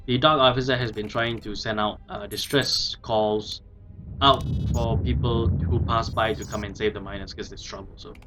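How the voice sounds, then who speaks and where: A man giving casual game commentary, thinking aloud in a hesitant, halting way. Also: on the low side, steady tone, background noise. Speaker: let's play commentator.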